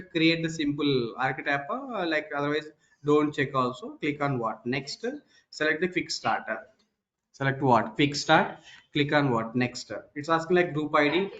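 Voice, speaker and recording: A man's voice: on the high side, fairly bright tone. A man with an Indian English accent teaching a programming class live online, repeating key terms and quizzing his students. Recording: dull, echoey online class call audio.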